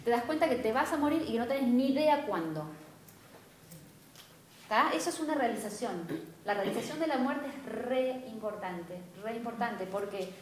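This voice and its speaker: A woman's voice: fairly high pitch, lively intonation, normal speed, slight background noise. A woman with a Rioplatense Spanish accent giving a spiritual class lecture, engaging and often checking in with her students. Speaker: spiritual teacher. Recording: echoey room.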